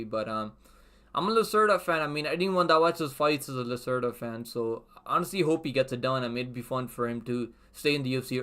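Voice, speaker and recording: Bright-voiced bro-talking male streamer. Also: mid-range voice, clean tone. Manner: gym-bro slang, says "bro" constantly, swears freely. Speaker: livestream host. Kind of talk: casual livestream chat and fight preview.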